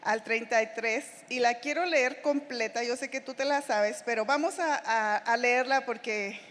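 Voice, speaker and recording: A woman's voice: a little high, normal speed, a bit bright. Mexican woman preaching in an echoing church. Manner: chatty, with frequent tag questions to the listeners. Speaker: missionary preacher. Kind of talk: conversational sermon. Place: church hall. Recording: long reverb of a church hall.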